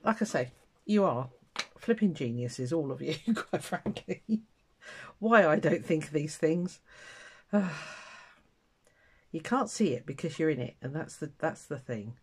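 Here the craft-channel host, an older woman from England, is stuffed up with a cold as she packs sewing kits on camera, hands shown from above at an indoor table. She talks to viewers in a deep, slightly rough voice with lively intonation and a measured pace, keeping up self-deprecating chatter while her hands stay busy.

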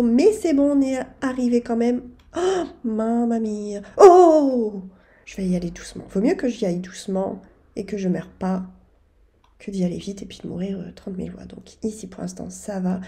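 A woman's voice: medium pitch, gravelly, warm tone. A woman giving chatty, self-mocking commentary over her own gameplay and talking straight to her viewers. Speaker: gaming video creator.

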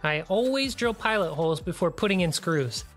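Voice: medium pitch, animated, normal speed, over music. A DIY channel host giving a plain, practical, step-by-step tutorial voice-over.

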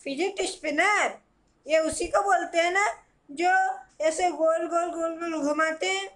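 A man's voice: very high voice, fairly even intonation, a little slow, a bit bright. Young man playing a scolding stingy father. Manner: nagging, scolding. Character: scolding middle-aged father, stern and stingy.

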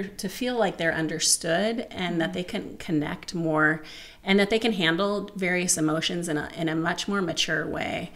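A woman's voice: fairly low pitch, a bit bright. A middle-aged woman speaking in an earnest, explanatory way in a casual round-table discussion. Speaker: panel guest. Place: living room, seated at a round table. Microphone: table-mounted microphone.

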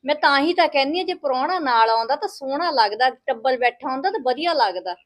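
A woman playing a village wife who lectures her sister-in-law in a sharp, sarcastic way in a family skit. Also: high-pitched, animated, fast.

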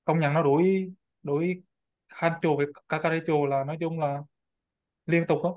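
A man's voice: fairly high pitch, fairly even intonation, moderate pace, no echo. A man from Huế chatting casually in a group call, often trailing off mid-sentence. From Huế, Vietnam. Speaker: session presenter. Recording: tinny phone-like call audio, dry.

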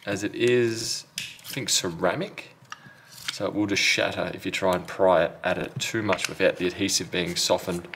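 This technician talks through his repair one step at a time in a low, steady voice at a moderate pace. His tone stays casual and matter-of-fact while he works at an indoor bench, and background noise can be heard.

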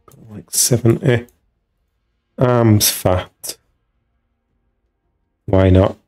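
A man's voice: fairly low pitch, extremely slow, a little mellow, faint music behind. A man giving casual, musing commentary while streaming a video game, talking half to himself as he tinkers with settings.

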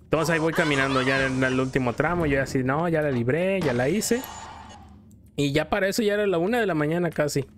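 A Mexican gaming streamer with a fairly high, brisk voice rambles playfully in slang, telling stories and reacting to the game. Video game music plays behind him.

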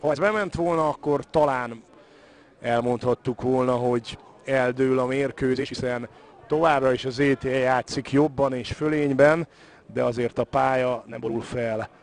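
A man's voice: medium pitch, fairly even intonation. A man giving live football commentary, moving between naming the play and analysing the match.

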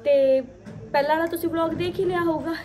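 A woman in her 20s with an extremely high, steady voice talks fast in a chatty phone vlog, calling her viewers "guys." She holds the phone at arm's length, and loud music plays over the audio.

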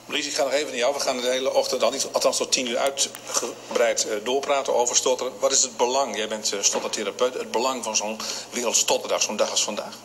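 A man interviewing guests on location in a café for a morning radio show, asking brisk, direct questions. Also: mid-range voice, fairly even intonation, fairly bright tone.

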